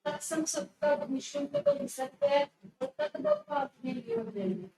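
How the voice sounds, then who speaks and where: Over music, a very high-pitched, creaky female voice swings hugely in pitch at a moderate pace. She's a teacher going over exam questions with students, firmly correcting errors and repeating key words, in an echoey room with faint noise.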